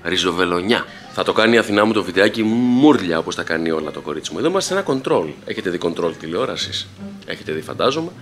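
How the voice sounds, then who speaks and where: Man, playful vlog chat, low voice, animated swings, joking asides, filmed on his own camera. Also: faint music behind. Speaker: video editor vlogging his workday. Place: TV station, walking to the control room. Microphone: handheld camera.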